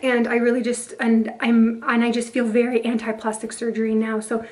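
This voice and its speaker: Hoarse woman with an even, higher-pitched voice. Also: normal speed. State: hoarse, voice lost after a breathing tube in surgery. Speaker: vlogger. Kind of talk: earnest personal talk to camera.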